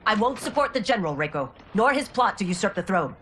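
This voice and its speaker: Stern, loyal former royal guard. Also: female voice, medium pitch, sing-song, fast, fairly bright tone, slight background noise. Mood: defiant. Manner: formal, earnest, resolute. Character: proud former royal guard woman turned constable chief, stern and loyal. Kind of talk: dramatic video game cutscene acting. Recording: orchestral game music behind.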